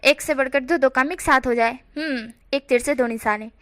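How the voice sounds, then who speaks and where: A cheerful father figure voiced by a woman gives his hearty approval. The pitch is high and the sound dry and close. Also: moderate pace, a bit bright, no echo. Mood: pleased.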